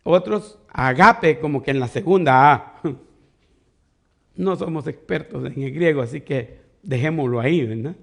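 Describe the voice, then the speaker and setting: Speaking at normal speed with long pauses, a man with a slightly high, gravelly voice preaches as pastor. His sermon teaches like a Bible study, relying on quoted questions and breaking down words step by step.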